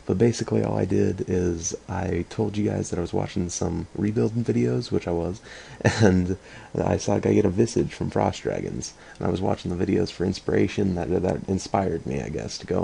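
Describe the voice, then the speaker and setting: A man's voice: low voice, creaky, warm tone, slight background noise. A man giving casual, rambling commentary over his gameplay, with lots of ums and restarts and the odd curse when things go wrong. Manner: casually profane when frustrated. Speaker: gaming channel host.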